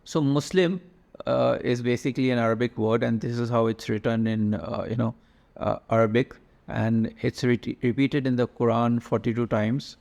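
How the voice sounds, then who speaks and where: A man talks through a slide-based lesson in a gravelly voice. He moves step by step, stopping and restarting often and filling the gaps with little sounds. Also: mid-range voice, steady tone, moderate pace, a little mellow. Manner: explains step by step with many fillers and restarts. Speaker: language teacher.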